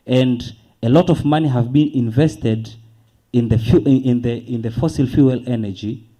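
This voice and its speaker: A man from Tanzania, speaking earnestly on a conference panel, posing rhetorical questions and slowing to stress key words. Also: medium pitch, dark tone, poor audio.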